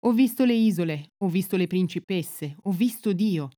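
A woman's voice: on the low side, normal speed, darkish tone, clean tone, no echo, clean studio sound, close to an everyday voice. A woman reading an earnest young prince. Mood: indignant.

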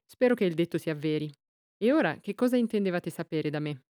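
A woman's voice: fairly low pitch, lively intonation, fast, warm tone, dry recording, studio quality, natural voice. A woman voicing an officious male village policeman in an audiobook, speaking in a formal, official tone.

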